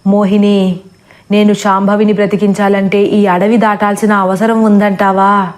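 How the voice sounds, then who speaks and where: A woman's voice: medium pitch, little pitch movement, unhurried, darkish tone, lightly acted. A woman voicing a steadfast devout male ascetic. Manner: chanting, earnest and prayerful.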